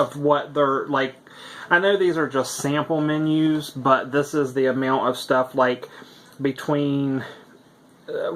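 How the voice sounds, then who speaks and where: A man's voice: medium pitch, a bit bright. A man talking in a casual video diary, rambling with lots of fillers while he eats. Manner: chatty and rambling, with many fillers; talks while eating. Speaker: vlogger.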